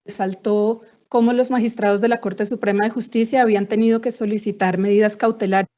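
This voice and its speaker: A woman's warm, muffled voice breaking up over a choppy video call, her words cutting in and out as she presents formally and with measured pauses. The connection drops syllables and the sound is dull and low-fidelity. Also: fairly even intonation. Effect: choppy, breaking-up video call audio. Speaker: webinar presenter. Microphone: computer mic on a video call.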